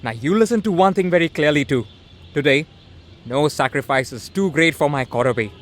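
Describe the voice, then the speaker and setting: An actor playing an earnest, lovestruck young son of a rich family in a radio drama. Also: male voice, a little high, lively intonation, a little fast, close to an everyday voice. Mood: earnest, defiant. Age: young adult. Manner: earnest, defiant.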